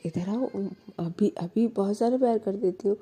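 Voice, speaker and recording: A woman voicing a playful young woman in love, coaxing and pouty in a low husky voice. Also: normal speed, mellow, natural voice. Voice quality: pouty, wheedling, childlike when coaxing.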